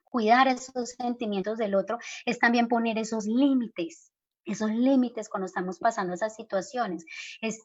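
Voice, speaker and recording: A woman's voice: a little high, a little mellow. Earnest Colombian woman counselor, lo-fi audio. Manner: earnest, keeps asking "¿sí?" to check in. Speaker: school counselor. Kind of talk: virtual parenting workshop talk.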